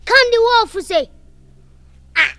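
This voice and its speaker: In an improvised comedy skit, a performer with a Ghanaian accent, a native Twi speaker, plays a scandalised, gossiping friend full of indignation, telling the story dramatically with repeated exclamations. The voice is very high, bright and pushed, with lively intonation at a slow pace, a fully committed character voice over faint music.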